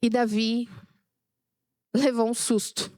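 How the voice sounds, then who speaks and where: A woman's voice: a little high, flat delivery, takes it slowly, darkish tone, dry recording. A young woman preaching a sermon, chatty and sharing personal stories with the congregation.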